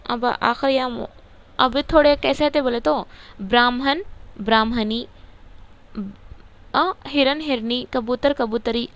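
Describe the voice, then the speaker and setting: This teacher speaks a little high in a steady tone, pausing often. In an informal lesson on a grammar textbook, she asks herself questions, answers them, and repeats words.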